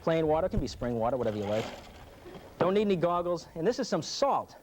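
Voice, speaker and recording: Male TV weatherman, slightly high voice, folksy live demonstration patter, faint noise behind. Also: sing-song, fast talker, darkish tone. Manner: informal, chatty patter.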